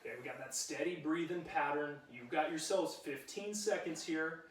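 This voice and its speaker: A man's voice: a little high, normal speed, soft background music. A man leading a live workout class, giving upbeat, encouraging countdown cues with a joking edge. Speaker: fitness instructor. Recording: roomy sound, mic at a distance.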